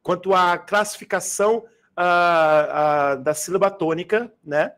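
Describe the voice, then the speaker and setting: A man with a slightly high voice teaches a grammar class in a classroom. He talks casually and with slang, and keeps asking his students whether they follow. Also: unhurried, a bit bright. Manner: casual, slangy, asks students to confirm often. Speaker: Portuguese teacher. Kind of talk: live exam-prep grammar class. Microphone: adjustable microphone.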